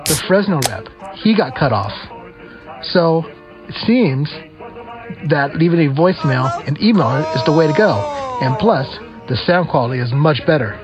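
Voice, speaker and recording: A man's recorded voice message plays with dull, muffled, lo-fi sound and faint music underneath. His voice sits a little high. He chats in a relaxed, friendly way as a listener calling in, with frequent "uh" pauses. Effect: recorded voice message played on the show. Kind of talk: casual chatty voicemail.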